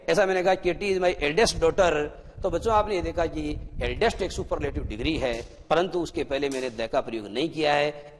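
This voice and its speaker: A man teaches a classroom grammar lesson. He explains slowly and patiently, putting questions to his pupils and answering them himself. His voice rings through a hall with a long echo. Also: fairly high pitch.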